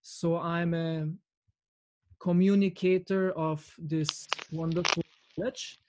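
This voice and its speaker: A man's voice: on the high side, level tone, background noise. Guy talking over zoom, earnest, lots of uhs and restarts, home cam sound. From Austria. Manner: earnest, halting with fillers and restarts. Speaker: devotee lecturer. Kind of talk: online talk over video call. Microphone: video call from home camera.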